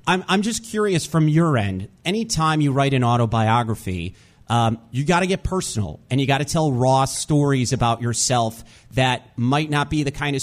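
A man hosting an interview, earnestly praising a book and asking long, wandering questions. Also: on the high side. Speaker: interview host.

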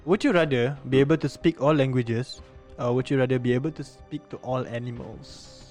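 A man's voice: medium pitch, brisk, darkish tone, soft background music. A young man with a Singaporean accent in casual, bantering chat, speaking colloquial Singlish with Malay slang.

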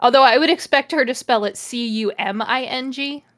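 A woman's voice: high voice, moderate pace, a bit bright. A woman co-hosting a comedy podcast, reading a fanfiction aloud with dramatic flair and frequent laughter. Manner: reads dramatically, breaks into laughter. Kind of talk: casual comedic reading and chat.

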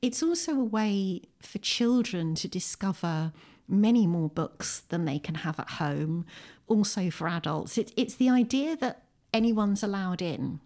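An English-accented poet and writer, appearing as a podcast guest from her home, speaks thoughtfully and articulately, stressing her points with emphasis. Her mid-range voice is animated and darkish in tone, at a measured pace.

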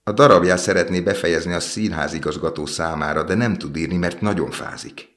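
A man reading a storybook aloud and voicing a gentle, selfless prince statue who speaks in an imploring way. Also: low voice. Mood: sorrowful.

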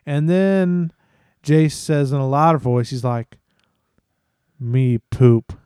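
A man in his thirties, a podcast co-host, telling a lively family story and acting out his kids' voices. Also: a little high, a little slow, smooth, no echo, studio quality. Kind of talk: casual storytelling chat.

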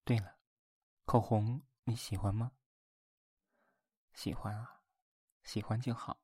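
Man playing a slow, soft-spoken boyfriend, binaural role-play. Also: lowish voice, steady tone, breathy edge, no echo. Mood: playful, affectionate. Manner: intimate binaural murmur close to the listener's ear; slow, coaxing, playful. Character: tender, teasing young boyfriend at bedtime. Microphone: very close binaural microphone, dry.

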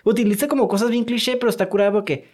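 A speaker with a Mexican accent in a casual film talk, animated and slangy, full of sound effects and filler tags. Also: mid-range voice, racing.

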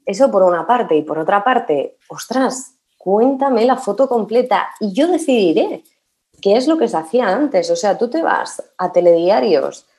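A woman's voice: mid-range voice, animated, normal speed, darkish tone. A woman, a guest in a casual conversation who talks emphatically and repeats words for stress. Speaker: podcast guest.

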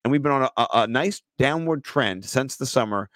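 A man co-hosting a casual podcast who laughs a lot and gets loud and excited when something strikes him as funny. His voice is mid-pitched. The sound is dry and close, with no room behind it. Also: a little fast, dry recording. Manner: laughs often, animated and excitable when amused. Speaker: podcast co-host. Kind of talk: casual chat.

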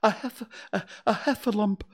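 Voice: mid-range voice, wildly swooping pitch, drawn-out words, vocal fry, pitched above the performer's own voice, full character voice. A storybook reader voicing a small, timid piglet who stammers breathlessly and frantically. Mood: breathless, flustered. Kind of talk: acted children's storybook reading.

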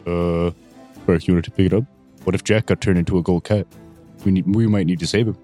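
A man's voice: low voice, steady tone, fast talker, dark tone. A man playing a tabletop game, talking in casual in-game banter. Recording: music behind the voice.

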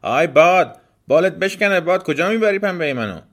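A man voicing a spoiled, rude young girl in a folk tale, shouting and scornful. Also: high voice, expressive, voice pushed up. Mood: angry shouting.

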